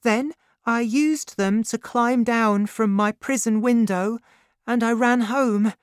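A woman voicing a frightened young woman who pleads in a high, strained voice. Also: takes it slowly, clean tone, no echo, studio quality. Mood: earnest.

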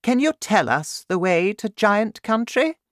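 Man playing a storybook queen, high-pitched, commanding, decisive, crisp dry sound. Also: very animated, a little slow, fairly bright tone, no echo, full character voice. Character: stately, firm human queen, woman. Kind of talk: storybook reading.

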